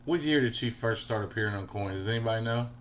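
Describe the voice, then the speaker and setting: Speaking fast in a fairly low voice, this livestream host is a man in his forties. He keeps things casual, chatting with his viewers and replying to their comments by name.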